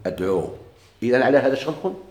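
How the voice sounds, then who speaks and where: A man with a Moroccan accent lectures quickly on grammar, answering his own questions and drawing out each example. His voice rings in an echoey room. He sits at a middling pitch. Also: expressive, darkish tone. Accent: Moroccan Arabic. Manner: asks questions and answers them himself. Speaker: teacher of Arabic grammar. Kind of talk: classroom lecture.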